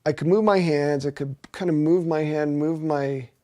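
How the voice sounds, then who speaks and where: A man's voice: a little high, fairly even intonation, normal speed, mellow. A man earnestly recounting a personal experience as an interviewee, with emphatic storytelling.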